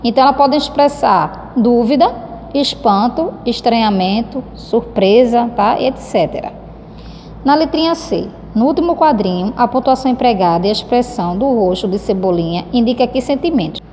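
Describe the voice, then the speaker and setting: Brazilian woman teacher, higher warm voice, affectionate, echoing room with faint hiss. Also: expressive, moderate pace. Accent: Brazilian Portuguese. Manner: affectionate, keeps checking in with "tá?". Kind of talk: recorded lesson explaining a textbook. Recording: reverberant room with faint background noise.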